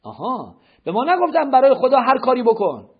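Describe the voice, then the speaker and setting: A man's voice: very high-pitched, huge pitch swings, slightly rough. A man giving a religious lecture, firing rhetorical questions at his listeners and correcting their notes. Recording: dull lo-fi lecture recording.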